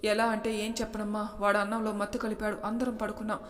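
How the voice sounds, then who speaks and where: A woman playing a desperate, wronged young wife who pleads in a flat, even voice. A long reverb trails after every line, as in a storybook reading. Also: mid-range voice, fast, close to an everyday voice. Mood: distressed. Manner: pleading, tearful.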